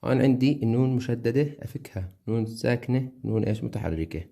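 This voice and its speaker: A man's voice: medium pitch, gravelly, mellow. Levantine guy teaching a class, sounds out syllables, keeps going "ok? right?". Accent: Levantine Arabic. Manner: keeps checking understanding with quick questions; chants syllables one by one. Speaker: Arabic teacher. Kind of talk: explaining to students, lesson.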